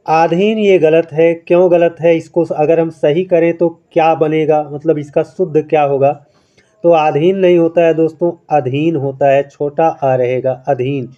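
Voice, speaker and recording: A man's voice: a little high, dark tone, lo-fi sound. A man teaching a Hindi spelling quiz lesson. He explains step by step, asks and answers his own questions, and keeps checking in with viewers. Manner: keeps addressing viewers as friends, adds "है ना".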